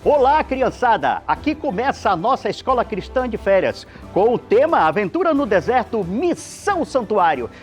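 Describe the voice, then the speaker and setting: Man as a gentle guide figure for kids, lively pitch, faint music under. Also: normal speed, hardly any pauses. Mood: welcoming. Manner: warm, inviting, sing-song. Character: friendly desert guide who is Jesus.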